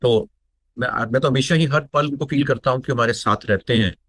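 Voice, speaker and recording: A middle-aged man from India, sharing a personal devotional testimony in an unhurried, reflective storytelling manner and slipping into phrases. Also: mid-range voice, a bit bright, no echo. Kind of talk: unscripted spoken testimony.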